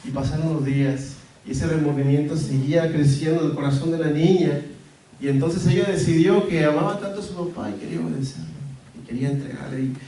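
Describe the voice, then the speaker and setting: A male pastor preaching a sermon in a church, earnest, with soft pauses and sudden emphatic rises. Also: fairly high pitch. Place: church sanctuary. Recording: echoey church hall, mic at a distance.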